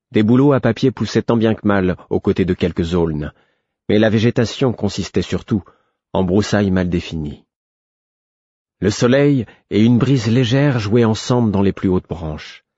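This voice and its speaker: Man, audiobook narrator, first person, measured literary delivery, low voice, husky, dry muffled recording. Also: dark tone, no room sound.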